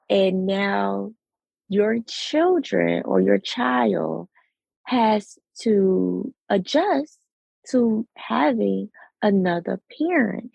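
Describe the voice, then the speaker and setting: A woman hosting a casual podcast chat, with a raspy late-night voice and a relaxed, chatty manner. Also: medium pitch, dry recording, lo-fi sound. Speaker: podcast host.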